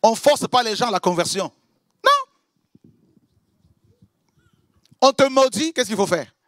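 A man preaching a sermon, acting out prayers and exchanges with God, swinging from loud outbursts to hushed asides. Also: very high-pitched, slow pace, no room sound. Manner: animated, acts out prayers and dialogues with God.

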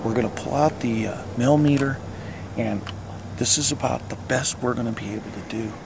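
A man's voice: mid-range voice, normal speed, vocal fry. A middle-aged man hosting a paranormal investigation, explaining things casually to the camera. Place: outdoors at night in town. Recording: noisy outdoor camcorder audio, traffic ambience.

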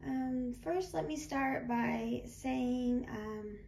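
A doll-collecting vlogger getting over a sickness chats informally and ramblingly as she shows off her finds, correcting herself along the way. Her fairly high voice is slightly harsh and hoarse yet a little mellow, with drawn-out words. There's a roomy echo and clear background noise.

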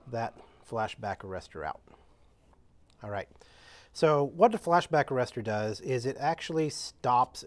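A man walks through a maintenance job at a workbench, explaining each step aloud in a plain, halting way. His voice sits at an ordinary middle pitch, and he fills pauses with "uh" and restarts as he works. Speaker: equipment demonstrator. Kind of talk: unscripted how-to demonstration. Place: indoor workshop with benches.

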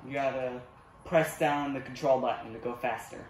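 A man's voice: mid-range voice, steady tone, normal speed, recorded from a distance, slight background noise. A man co-hosting a gaming video with casual gameplay chat. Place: indoor room with a television. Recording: echoey room, sound playing behind.

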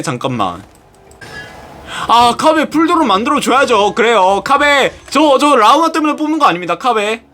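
A young man, a YouTuber, chatting casually while playing a game, rambling to himself with sudden excited outbursts. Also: sits high. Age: young adult. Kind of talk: casual game-stream chat.

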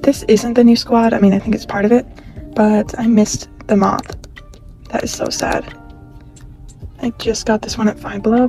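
A woman in her twenties talking casually and excitedly to a phone camera while shopping in stores. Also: fairly high pitch. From California. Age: 20s. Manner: gushing, excitable, chatty. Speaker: vlogger. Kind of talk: casual shopping vlog narration. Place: in stores with background music, holding a phone.

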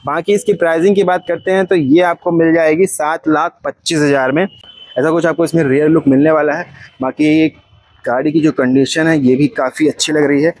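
A young man with a bright, high-pitched voice walks an open-air used car lot. He talks in a chatty, casual way and keeps calling the viewer brother. He sounds like he is filming on a handheld phone. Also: steady tone, moderate pace. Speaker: vlogger touring a used car market. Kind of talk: casual walkaround commentary.

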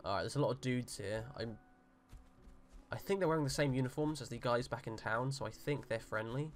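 A young man giving jokey, excitable let's play commentary, pleading with and yelling at the game. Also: mid-range voice, a little fast. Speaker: gamer.

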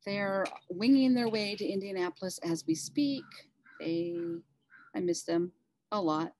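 A woman's voice: medium pitch, unhurried, a little mellow, no room sound. A middle-aged woman co-hosting a casual chat, telling a rambling, emotional story with many restarts. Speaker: co-host.

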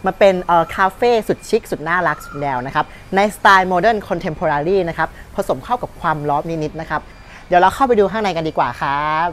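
A man's voice: on the high side, fairly quick, a bit bright, a little hiss or hum. Upbeat young man hosting a cafe tour. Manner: upbeat, polite tour-guide chatter. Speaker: host. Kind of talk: casual cafe tour vlog. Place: indoor cafe in an old shophouse. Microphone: clip-on lapel mic.

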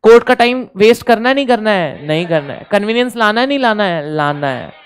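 A man's voice: sits high, lively intonation, a little fast, smooth. A man with an Indian accent teaching an exam revision lecture, repeating key points, quizzing his students and joking with the class. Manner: jokes with the class.

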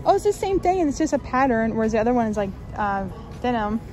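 A woman's voice: fairly high pitch, sing-song, quick pace, over music. A woman vlogging casually while shopping in a large clothing store, upbeat and chatty with lots of fillers. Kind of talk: casual shop-with-me narration.

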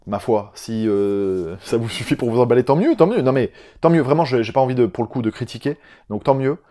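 A man's voice: medium pitch, lively intonation, a little fast, mellow. Chatty southern French man riffing. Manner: chatty, sarcastic, easily sidetracked. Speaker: film YouTuber. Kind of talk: casual video chat.

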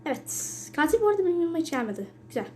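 A woman's voice: very high-pitched, rapid-fire, noisy background. Young woman shrieking through gameplay. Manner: excitable, shrieks and yells when chased; drops to whispers and mutters between bursts. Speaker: gaming channel host. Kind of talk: casual gameplay commentary.

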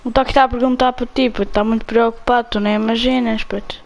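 A young woman with a European Portuguese accent gives live commentary on her own game, taunting other players and swearing in excitable outbursts. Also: fairly high pitch, fast talker, creaky, rough recording. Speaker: gamer streaming own play.

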